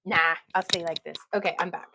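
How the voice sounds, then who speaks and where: A woman's voice: lowish voice, steady tone, a little fast, noisy background. A woman hosting a craft vlog at home, chatting casually and laughing often. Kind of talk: casual chat.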